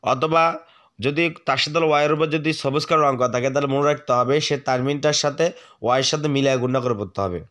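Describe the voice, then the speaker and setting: A man teaching the rules of Quran recitation, patiently spelling out each letter, asking the viewer questions and reciting words slowly for them to repeat. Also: mid-range voice, fairly even intonation, a bit bright. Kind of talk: tajweed lesson, spelling out letters and drawn-out recitation.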